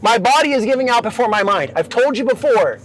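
A man's voice: very high voice, lively intonation, a little fast, a little hiss or hum, rough recording. A former Navy boat crewman telling a story casually to camera, acting out the quotes with big swings in his voice.

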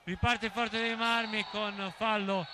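A man commentates a match live in a high voice at a slow, spaced-out pace. The recording is noisy, with the knocks of play behind him. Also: level tone. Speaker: sports commentator.

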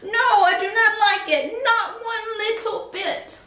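Storybook fish, prim and scolding, very high and shrill, as a woman puts him on, roomy sound. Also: fairly even intonation, slow pace, pushed and bright, heavily acted. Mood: indignant. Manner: shrill, indignant. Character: fussy scolding male pet fish. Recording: roomy echo.

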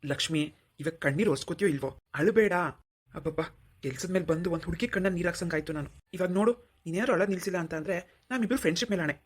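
A woman voicing a kind, protective young man in a cartoon, who soothes and teases gently. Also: lowish voice, rapid-fire, slightly rough. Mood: reassuring. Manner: soothing, playful reassurance. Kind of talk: cartoon voice acting.

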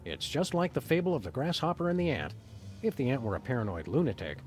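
An actor playing an easygoing cartoon dog detective in a comedy game, folksy, wordy and deadpan. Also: male voice, medium pitch, quick pace, close to an everyday voice. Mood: wry. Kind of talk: animated comedy adventure game dialogue. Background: music.

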